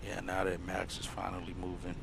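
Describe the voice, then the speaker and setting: A man's voice: low-pitched, completely flat delivery, brisk, vocal fry. A man speaking as an airline pilot in a cockpit, mixing short clipped procedural callouts with laid-back casual remarks over aircraft drone. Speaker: airline pilot in a flight simulator. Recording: noisy cockpit hum behind voice.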